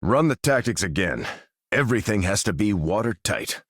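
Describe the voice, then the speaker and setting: Captain America, a dynamic commanding soldier. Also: male voice, lowish voice, sing-song, normal speed, a bit bright, slightly rough, no room sound, clean studio sound, exaggerated voice. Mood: grave, firm. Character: dutiful, resolute male soldier commanding a superhero team. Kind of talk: video game character voice lines.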